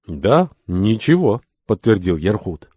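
Low-voiced man reading an adventure story. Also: sing-song, a little slow, warm tone, slightly rough, no room sound, clean studio sound. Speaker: audiobook reader. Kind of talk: scripted narration with character dialogue.

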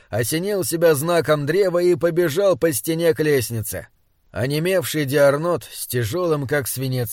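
A man narrating a fantasy audiobook in a measured, dramatic storytelling manner. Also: on the high side, no room sound, studio quality. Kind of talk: scripted narration.

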